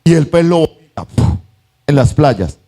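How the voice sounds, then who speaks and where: A man's voice: on the high side, a little slow. A man preaching a sermon as pastor, acting out voices from the story and asking his congregation questions. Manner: animated, acts out the voices of the story; asks the congregation "¿sí o no?".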